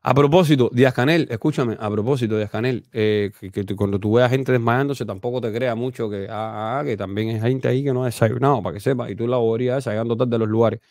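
A man with a Cuban accent hosting a casual commentary livestream, animated and talkative, swinging between loud exclamations and low mutters. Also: quick pace, hardly any pauses, no room sound, studio quality. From Cuba. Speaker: host.

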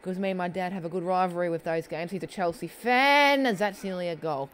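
A young gamer talks through a football match as he plays, reacting out loud to every near miss and goal. The pitch sits in an ordinary middle range, and the delivery jumps between muttered asides and sudden exclamations, picked up close on a headset. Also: quick pace, slight background noise. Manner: excitable, talks to himself while playing, frequent exclamations. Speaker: gaming channel host. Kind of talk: live gameplay commentary. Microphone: headset headphones.

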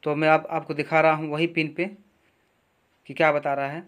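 Man slowly walking through a repair. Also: fairly high pitch, level tone, fairly bright tone. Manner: explains step by step, slow and repetitive. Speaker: electronics repair teacher. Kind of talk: hands-on repair tutorial.

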